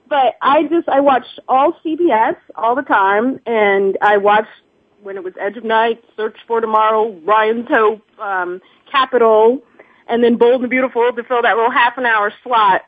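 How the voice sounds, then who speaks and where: A chatty woman from Georgia calling in to a radio show, heard through a thin, clipped telephone line. Her voice sits a little high and slightly husky. The call sounds dry, with no room around it. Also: dry recording. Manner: chatty, laughs between remarks. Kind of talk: casual phone chat. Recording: narrow-band phone call, dry.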